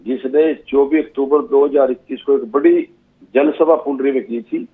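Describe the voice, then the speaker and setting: A man from Haryana, a state legislator answering in a TV debate, speaking deliberately and repeating phrases. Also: medium pitch, steady tone, narrow, tinny audio. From Haryana, India.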